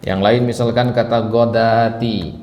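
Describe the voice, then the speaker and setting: A man's voice: medium pitch, fairly even intonation, measured pace, darkish tone. A man teaching a study class in a mosque hall, patiently repeating words and quizzing his listeners. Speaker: Quran teacher.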